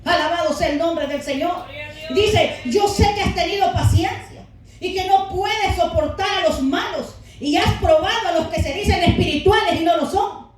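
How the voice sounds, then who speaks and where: A woman with a very high voice preaches a Pentecostal sermon with fervor. She keeps calling out to the brethren and rises to shouts. Her voice carries from far off through a very echoey church hall.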